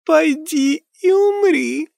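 A man's voice: very high voice, unhurried, fairly bright tone, no echo, studio quality, pitched above the performer's own voice. Man doing a shrieking vengeful ghost girl. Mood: taunting. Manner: shrieking, taunting.

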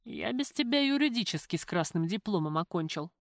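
A woman's voice: fairly low pitch, expressive, fairly quick, no echo. Brief: woman narrator doing a spoiled young husband, sullen and defiant, grumbling back at his father; dry close read. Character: sulky young man, a spoiled newlywed son.

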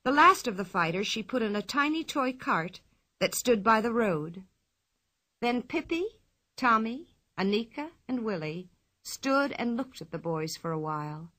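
A woman reading a children's storybook aloud in a clear, expressive, measured way. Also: on the high side. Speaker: narrator.

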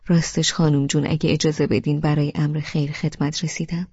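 A woman's voice: sits low, flat delivery, husky, no echo, highs cut off. A woman reading an audiobook, voicing a kind middle-aged neighbor speaking with courtesy. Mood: courteous. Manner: warm and courteous.

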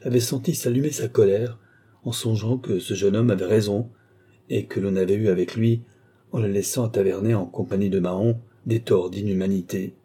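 Low, husky male narrator. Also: fairly even intonation, normal speed, dark tone. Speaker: audiobook narrator. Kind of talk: scripted narration of a classic novel.

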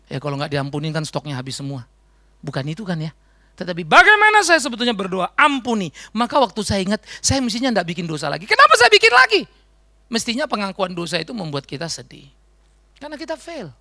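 A man preaching a sermon as pastor with an Indonesian accent, lively and acting out the voices he quotes. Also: high-pitched, fast, no room sound, clean studio sound.

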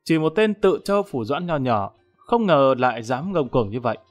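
A man narrates a scripted, dramatic story in audiobook style. His voice sits at a middle pitch, with light music playing behind it. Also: very animated, normal speed.

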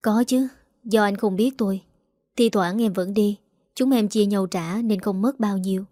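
A woman's voice: medium pitch, unhurried, warm tone, dry recording, clean studio sound, lightly acted. A woman voicing a timid but stubborn eighteen-year-old girl who pleads defensively. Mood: quiet.

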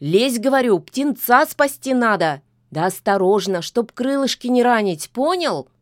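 A woman voicing a brisk, bossy old forest witch who scolds and gives orders. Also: medium pitch, flat delivery, darkish tone, no room sound, clean studio sound, close to an everyday voice.

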